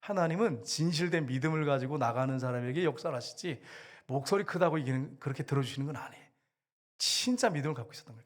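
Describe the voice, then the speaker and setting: A man preaching a sermon as pastor, earnest and emphatic, often acting out the scenes he tells. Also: fairly high pitch.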